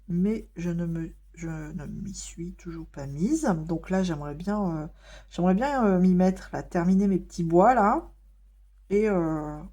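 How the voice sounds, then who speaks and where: Chatty French-speaking woman, lower voice. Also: mellow. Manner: chatty, many hesitations and fillers. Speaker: vlogger. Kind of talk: casual chat while coloring.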